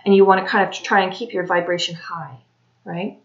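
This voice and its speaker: A woman talking casually to camera as a tarot reader, unhurried and full of ums and restarts. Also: lowish voice, fairly even intonation, muffled recording. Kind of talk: casual solo talk to camera.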